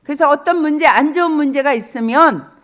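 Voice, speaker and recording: A middle-aged woman preaching a lively sermon, telling stories and acting out quoted speech, repeating phrases for emphasis. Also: sits high, fairly quick.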